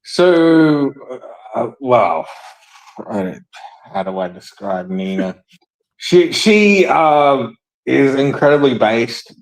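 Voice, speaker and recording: A man's voice: on the low side, a little mellow, low-quality recording. A man hosting a casual podcast chat, rambling and hesitant with many fillers and frequent laughs. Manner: laughs often. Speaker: podcast host.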